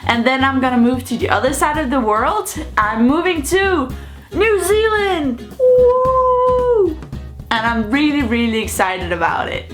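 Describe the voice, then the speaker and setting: A woman's voice: on the high side, a little fast, hardly any pauses, fairly bright tone, soft background music. A woman from Denmark, vlogging casually to camera in a bubbly, playful way with jokey asides. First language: Danish.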